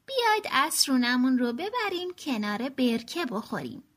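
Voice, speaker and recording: A gentle mother turtle in a storybook, calm and comforting, as a woman reading aloud voices her. She speaks softly and reassuringly, in a high, lively voice. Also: heavily acted. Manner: soft, reassuring.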